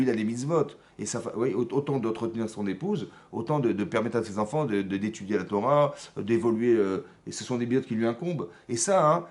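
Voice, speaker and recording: Rabbi teaching with lively insistence. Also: male voice, mid-range voice. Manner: animated, repetitive teaching with checks for understanding. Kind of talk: Torah lesson. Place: synagogue.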